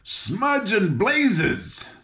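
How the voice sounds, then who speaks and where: An older man voicing a bossy, furious little gnome king from a storybook, shouting and blustering. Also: high voice, very animated, very slow, pitched above the performer's own voice, exaggerated voice.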